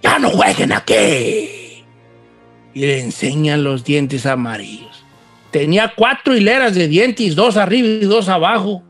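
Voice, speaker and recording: A man telling a spooky folk legend in a casual, animated, folksy way with chatty asides. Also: sits high, moderate pace, faint music behind. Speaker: storyteller host.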